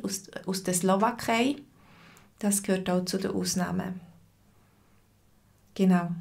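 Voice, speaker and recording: Swiss woman teacher, mid-pitch, talks very slowly and patiently, webcam at home. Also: creaky. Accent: Swiss German. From Switzerland. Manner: slow, patient, repeats phrases and answers chat viewers by name. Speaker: language teacher. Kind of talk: live-stream language lesson.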